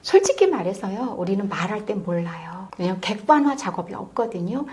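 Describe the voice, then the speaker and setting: A woman giving parenting advice on a talk show, emphatic, swinging from loud stresses to hushed near-whispers. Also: mid-range voice, big pitch swings, fairly quick. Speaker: parenting expert guest.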